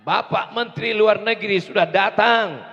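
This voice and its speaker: A man preaching a fiery rally sermon, slow and emphatic, with call and response, rising to shouts. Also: sits high, creaky, dull audio. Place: large outdoor rally. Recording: distant echo over crowd loudspeakers.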